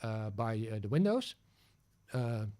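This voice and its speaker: This livestream host is a native Dutch speaker from the Netherlands, running a casual screen-share tutorial while thinking aloud, full of fillers and restarts. His fairly low, warm voice is very animated even though he speaks slowly.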